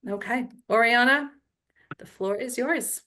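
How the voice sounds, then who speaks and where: A woman host giving a formal introduction of a workshop speaker in a steady, prepared way. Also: a little high, unhurried.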